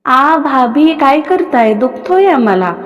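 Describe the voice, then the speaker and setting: A woman's voice: sits high, animated, takes it slowly. A woman voicing a playful young man who teases his older brother's wife, read as part of a story with a long reverb. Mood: pleading. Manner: teasing, boyish.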